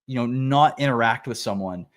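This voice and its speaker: A man's voice: mid-range voice, moderate pace, no room sound. A man hosting a casual livestream, musing thoughtfully and rambling with fillers and restarts. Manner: rambling, with many fillers and self-corrections. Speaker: livestream host. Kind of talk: casual reflective livestream talk.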